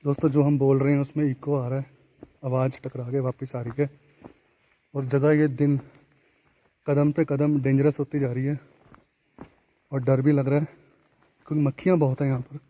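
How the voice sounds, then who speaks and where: A man vlogging from inside a dark cave, his voice echoing off the walls as he dramatically describes how frightening it is, a little short of breath. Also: medium pitch, flat delivery, moderate pace, pauses often. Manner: dramatic, keeps stressing how scary it is. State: short of breath in thin air. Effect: cave echo. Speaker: travel vlogger. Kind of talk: narrating a cave walk to camera.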